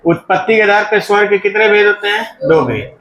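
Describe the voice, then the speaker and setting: A man's voice: high voice, animated, fairly quick, a bit bright. A male teacher giving a grammar lesson in a classroom. He asks the class questions and often answers them himself, repeating the key terms. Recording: echoey classroom.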